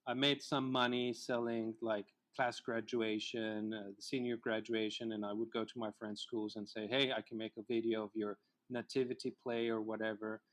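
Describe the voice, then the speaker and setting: A middle-aged man from Colombia, a native Spanish speaker, telling his life story as a guest in a relaxed interview. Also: fairly low pitch, normal speed, hardly any pauses. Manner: reflective storyteller, many fillers. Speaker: filmmaker guest. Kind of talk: casual interview chat.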